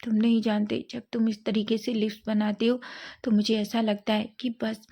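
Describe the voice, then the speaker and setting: A woman's voice: fairly high pitch, level tone, moderate pace, dark tone. Woman voicing a lovestruck young husband. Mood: tender. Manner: tender pleading promises.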